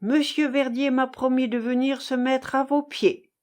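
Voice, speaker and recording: A woman reading the part of a smug, anglophile Russian aristocratic officer in an audiobook, speaking smoothly and mockingly. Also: high voice, steady tone, unhurried, darkish tone, voice pushed up. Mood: soothing.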